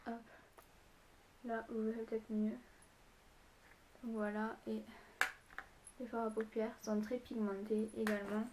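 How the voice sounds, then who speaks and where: A young woman talks in a casual beauty vlog, her voice pitched a little high but held fairly flat. Her tone is soft and mellow, and she gushes in a chatty show-and-tell way while a faint hiss sits under her voice. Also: unhurried, long pauses. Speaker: beauty vlogger.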